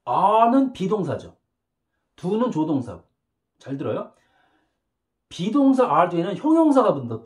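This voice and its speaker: A man teaching a beginner English lesson, chatty and lively, saying model phrases slowly for learners to repeat and often checking in with quick questions. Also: on the high side.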